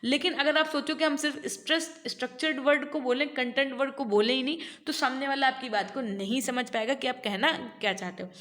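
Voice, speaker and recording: An Indian woman with a high voice gives an online lecture. She explains patiently and slows down to read English sentences aloud word by word. The recording has a roomy echo. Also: fairly even intonation, fairly bright tone. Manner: explains in Hindi, reads English text slowly aloud. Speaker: teacher.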